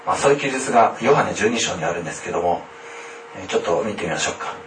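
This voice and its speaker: A man preaching a sermon in a formal, measured way, often pausing on hesitant fillers. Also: low-pitched, animated. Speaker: pastor. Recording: echoey room, distant mic, faint noise.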